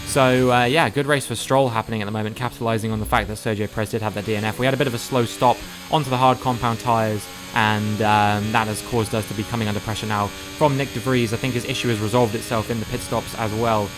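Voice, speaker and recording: A man commentating live on his own racing game, rattling off positions in quick play-by-play and getting louder at crashes. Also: lowish voice, noisy background. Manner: rapid play-by-play, rises sharply in excitement at incidents. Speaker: gaming YouTuber commentating his own race. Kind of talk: live gameplay race commentary.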